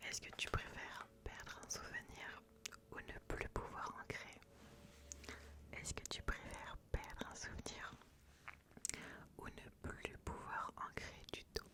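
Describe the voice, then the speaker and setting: This ASMR roleplay has a woman quietly quizzing the listener for a personality test, her breathy whisper unvoiced and close to the microphone. She speaks slowly and calmly, repeating phrases again and again.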